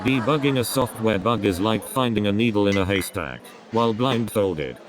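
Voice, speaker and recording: A man doing a stand-up comedy routine, delivering deadpan one-liners one after another. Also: on the low side, moderate pace, heavy background noise. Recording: crowd laughter in background. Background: audience laughter.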